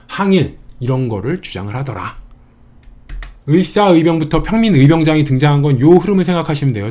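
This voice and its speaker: A man's voice: on the high side, mellow. A man giving an exam-prep history lecture, chatty and playful, building mnemonic wordplay as he teaches.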